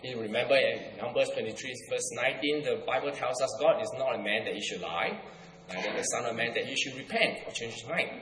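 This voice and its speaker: Singaporean pastor preaching in an echoey church hall. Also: male voice, medium pitch, a little fast, fairly bright tone, slight background noise. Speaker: guest preacher. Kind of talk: sermon.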